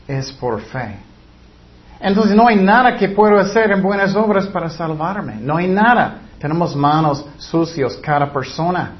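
A man preaching a sermon in earnest, emphatic Spanish with some grammar slips, repeating his key points. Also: a little high. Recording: dull lo-fi recording.

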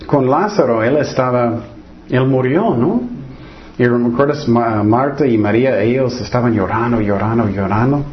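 Preaching at a moderate pace, this mid-range male voice reads Bible passages, frequently begins sentences over, and poses rhetorical questions to the congregation. He performs the voices of his story's characters, captured in lo-fi sound.

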